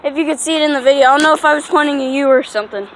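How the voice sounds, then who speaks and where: A woman's voice: sits high, rapid-fire. A young woman talking casually and nervously as she vlogs a night exploration inside a tunnel. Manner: nervous, jumpy, slangy. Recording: echoey tunnel, noisy, handheld camera.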